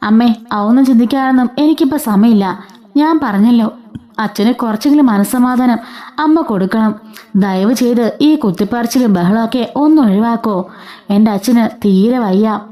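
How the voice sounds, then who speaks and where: A woman's voice: fairly high pitch, normal speed, dark tone, lightly acted. A woman voicing a distressed young daughter who pleads for her ailing father. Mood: pleading. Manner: pleading, upset.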